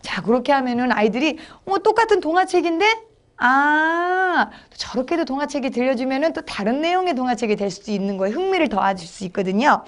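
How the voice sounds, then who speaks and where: Brisk, chatty middle-aged woman instructor, high voice, explaining teaching steps. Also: animated. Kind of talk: lecture for teachers.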